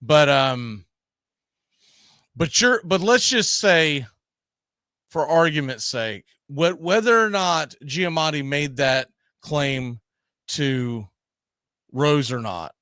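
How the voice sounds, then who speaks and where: Making his case emphatically and repeating words as he circles back, this sports talk host runs a casual, combative discussion. His bright, sharp, somewhat high voice is animated yet slow, with long pauses and a clean tone. The audio is very dry.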